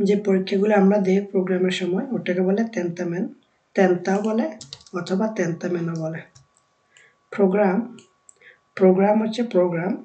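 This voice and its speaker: Woman from bangladesh teaching words, says each one slow twice then explains, mellow warm voice. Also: on the low side, fairly even intonation, dull audio. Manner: repeats each word slowly, then explains it. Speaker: language teacher. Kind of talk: vocabulary lesson.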